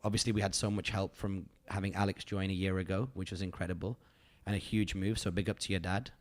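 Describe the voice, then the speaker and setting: Speaking quickly in a low, level voice, a podcast host from the United Kingdom muses casually about his year. He rambles earnestly and uses plenty of fillers.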